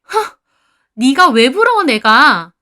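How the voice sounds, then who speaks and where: A jealous female friend, sly and sarcastic, fishing for gossip and bristling when challenged, as a woman reading a dramatized story puts her on. The voice sits high and swings widely, pushy and loud, in the manner of a radio-style story reading. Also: very animated, measured pace, exaggerated voice. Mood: defensive.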